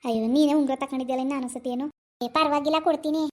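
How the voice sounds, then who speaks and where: A woman doing a fretful, fast-talking village mother. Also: high voice, fairly even intonation, darkish tone, close to an everyday voice. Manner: fretful, sighing, rapid chatter. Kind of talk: animated cartoon voice acting.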